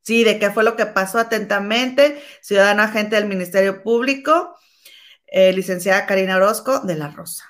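A woman's voice: mid-range voice, normal speed. A woman co-hosting a gossip show, chatting casually and reading a document aloud, calling her partner comadre.

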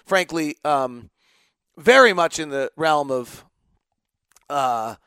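A man's voice: fairly high pitch, expressive, slow, pushed and bright, clear, resonant tone, dry recording. Rambling earnest man, dry close sound. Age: middle-aged. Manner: rambling, earnest, many "like" fillers and restarts. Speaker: podcast host and team radio voice. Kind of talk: casual solo podcast talk.

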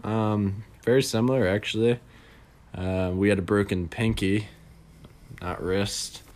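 A man's voice: on the low side, fairly even intonation, a little slow, a little mellow. A young man co-hosting a podcast, chatting in an easygoing way and laughing often. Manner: easygoing, laughing, many fillers. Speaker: podcast co-host. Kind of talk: casual chat.

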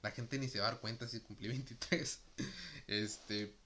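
A man's voice: medium pitch, steady tone, normal speed, pushed and bright, slight background noise. A young man in his twenties from Mexico, chatting casually and jokingly, then reading a news item aloud, with many fillers. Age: 20s.

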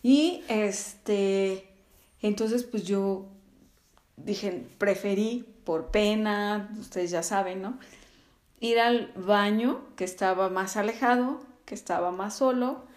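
A woman's voice: mid-range voice, slow pace, a little mellow. A woman telling a story in casual chat, with many fillers and frequent laughter. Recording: echoey room.

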